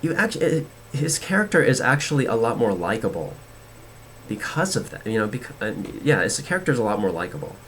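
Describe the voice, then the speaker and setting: A man's voice: mid-range voice, big pitch swings, a little fast, fairly bright tone, a little hiss or hum. A man hosting a podcast, talking in a casual, rambling way with many restarts and fillers. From United States. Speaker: podcast host.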